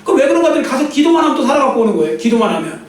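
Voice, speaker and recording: A man with a high voice preaches to a congregation, pressing his points hard and slipping into the voices of troubled people. He sounds far from the mic, caught in a very echoey church hall. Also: very animated, very fast. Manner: emphatic, acts out quoted inner voices. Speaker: pastor. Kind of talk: sermon. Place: church sanctuary.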